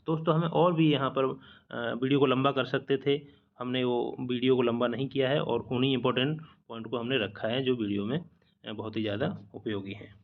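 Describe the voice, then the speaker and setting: Guy teaching spelling off slides, gravelly voice, dull lo-fi sound, keeps repeating the right word. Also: mid-range voice, fairly even intonation, a little fast. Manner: explains patiently, repeating each correct spelling; mixes English words into the lesson. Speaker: exam-prep teacher. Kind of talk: slide-based spelling lesson.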